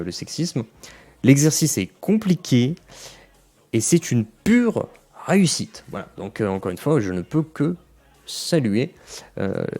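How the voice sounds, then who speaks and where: A man with a warm, mid-range voice chats straight to his viewers while reviewing anime. It's loose and rambling, packed with fillers and false starts.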